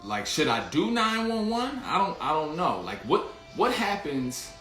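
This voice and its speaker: A man's voice: a little high, big pitch swings, unhurried, pushed and bright, roomy sound, soft background music. A man hosting a casual livestream, telling a rambling story full of slang and restarts while greeting viewers in the chat. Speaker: livestream host.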